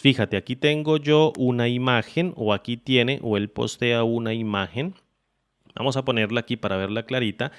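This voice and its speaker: Methodical man explaining software steps. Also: mid-range voice, clear, resonant tone. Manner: methodical, step-by-step explaining, repeats phrases for clarity. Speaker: Excel tutorial host. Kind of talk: screen-recorded software tutorial.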